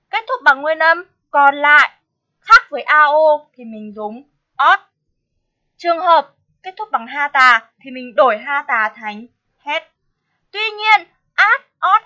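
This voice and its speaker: Woman language teacher, high bright voice, patient, lo-fi sound. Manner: patient, asks students rhetorical check questions. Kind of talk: classroom grammar explanation.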